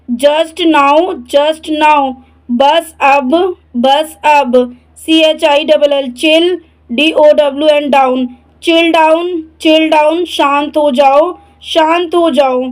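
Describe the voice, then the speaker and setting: A woman teaching English words, spelling each one letter by letter, saying it twice, then giving its Hindi meaning. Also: high voice. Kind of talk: slow spelling drill.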